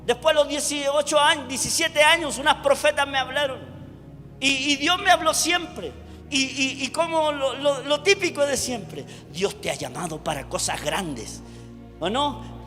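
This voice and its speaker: High-voiced Chilean pastor preaching in a hall. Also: male voice, a little slow, soft background music. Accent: Chilean Spanish. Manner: preaching to a congregation, rising to shouts. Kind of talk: sermon. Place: church hall.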